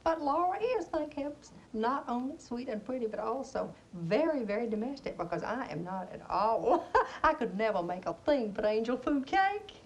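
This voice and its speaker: A woman's voice: fairly high pitch, animated, normal speed, a little hiss or hum. An actress playing a middle-aged faded Southern belle mother, genteel and nostalgic, chattering with a Southern accent and theatrical laughs. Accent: American Southern. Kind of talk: stage play acting.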